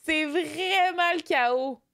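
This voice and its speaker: A young Canadian woman with a Québécois French accent chats casually on a live stream, speaking in a high voice and extremely slowly. She reads her chat aloud, stays animated, breaks into excited squeals, and mixes in English.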